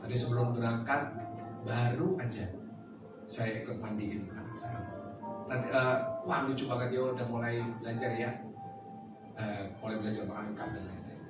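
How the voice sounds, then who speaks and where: A man in his thirties, a pastor giving a lively testimony sermon and talking straight to the congregation with jokes. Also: medium pitch, moderate pace, pauses often. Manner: lively storytelling, addresses the listeners directly, jokes. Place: large church hall. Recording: very echoey hall, mic far off, music behind.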